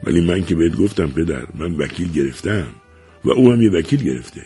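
A man's voice: low voice, expressive, dark tone, breathy edge, faint music behind, exaggerated voice. A man reading a novel aloud, voicing a middle-aged son who pleads emotionally and self-pityingly with his father. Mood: desperate.

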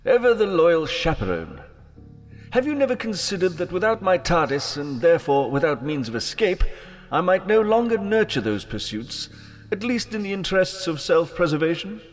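A man's voice: sits high, big pitch swings, normal speed, soft background music. A man playing an imprisoned villainous mastermind in an audio drama, mocking and elaborately courteous. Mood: smooth, persuasive. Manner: theatrical, mock-courteous, elaborately formal.

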